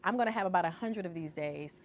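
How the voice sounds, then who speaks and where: A woman's voice: on the low side, quick pace, slight background noise. A woman artist talking as a podcast guest, telling stories expressively and acting out the voices she quotes. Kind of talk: interview conversation.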